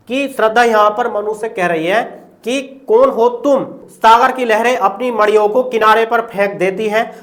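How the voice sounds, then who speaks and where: A man's voice: sits high, a bit bright. A man teaching a school exam lesson, explaining poem lines one by one and repeating the same check-in phrase again and again. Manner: repeats "ठीक है" constantly, explains line by line.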